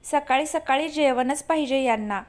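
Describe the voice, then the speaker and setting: A woman voicing a warm, fussing older mother-in-law who coaxes and insists. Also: high voice, normal speed, lightly acted. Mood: coaxing.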